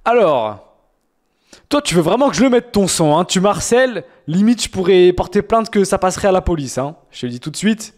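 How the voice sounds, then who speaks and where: High-voiced young man mocking songs. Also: lively intonation, fairly quick, darkish tone. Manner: mocking, slangy, exaggerated complaints. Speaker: streamer reacting to music. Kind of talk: casual stream chat.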